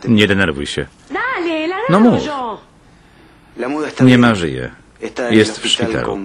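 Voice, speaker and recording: A man reading every role of a dubbed drama as a single voice-over, at an even, unhurried pace. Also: lowish voice. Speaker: voice-over reader of a dubbed series. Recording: loud music and crowd noise underneath. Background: original soundtrack with music and voices.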